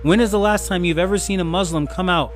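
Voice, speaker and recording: A man's voice: high-pitched, fast talker, faint music behind. A man giving an impassioned political monologue full of rhetorical questions.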